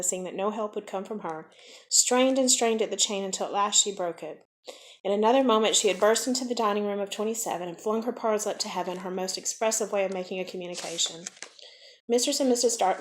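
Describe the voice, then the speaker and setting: A woman narrating a classic children's novel in a lively, expressive storybook reading. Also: medium pitch. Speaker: audiobook reader.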